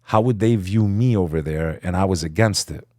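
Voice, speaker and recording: A man's voice: low voice, moderate pace, mellow, no room sound, studio quality. A man from Texas, a podcast guest talking earnestly and lecturing on history in casual conversation.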